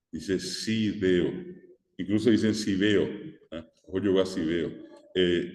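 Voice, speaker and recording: A man's voice: sits low, a little mellow. A male teacher gives a recorded class, explaining step by step and checking in with "¿verdad?". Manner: explanatory, repeats key words, frequent "eh" and "¿verdad?". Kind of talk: recorded online lecture. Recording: echoey room with long reverb.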